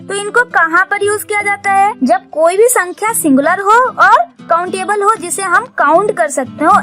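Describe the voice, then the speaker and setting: A woman gives a patient, step-by-step grammar lesson, reading each English example slowly and clearly. Her voice sits very high and sounds bright and crisp. Soft music plays faintly behind her. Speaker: teacher for young kids' parents.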